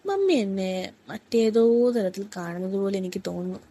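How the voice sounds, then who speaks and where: A woman voicing an earnest, hesitant young man in a story reading, speaking low and haltingly. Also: big pitch swings, warm tone.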